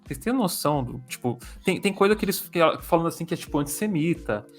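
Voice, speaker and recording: A Brazilian man in a casual interview, speaking haltingly and stumbling over words, with articulation slightly impeded by dental braces. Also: on the high side, expressive, faint music behind.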